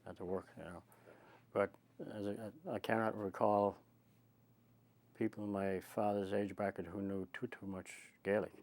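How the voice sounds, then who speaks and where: An older Irish man reminisces in an oral history interview, chatting in a rambling, storyteller's way. His voice is fairly low, level in tone, a little mellow, and moves at a normal speed.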